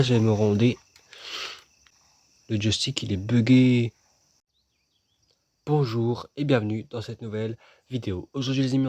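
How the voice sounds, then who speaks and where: A male gaming video host offers laid-back let's-play commentary, joking and talking with viewers and himself as he games. His mid-range voice sounds mellow, and the recording has no echo.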